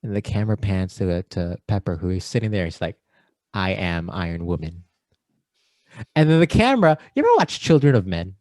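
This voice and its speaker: A man co-hosting a podcast in casual chat, playful and quick to act out lines. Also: fairly low pitch, sing-song, a little mellow, no echo. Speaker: podcast co-host.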